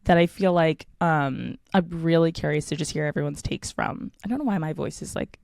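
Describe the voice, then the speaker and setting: A woman co-hosting a casual chat podcast, hoarse with morning voice, leading into each story with lots of filler words. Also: low voice, brisk, a little mellow, dry recording. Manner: leads into stories, lots of fillers. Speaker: podcast co-host.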